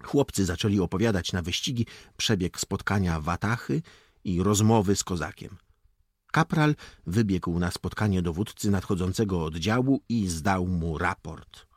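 A low, husky male voice reads an audiobook slowly and deliberately, with a widely swinging pitch. The sound is dry and close. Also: animated, no room sound. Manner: slow, deliberate reading that acts out the dialogue. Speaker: narrator. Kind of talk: audiobook narration with footnotes.

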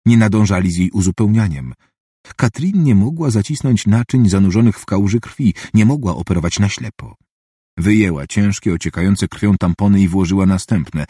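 A man reading a novel aloud as an audiobook, in an even, measured narration. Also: lowish voice, husky, no room sound, studio quality.

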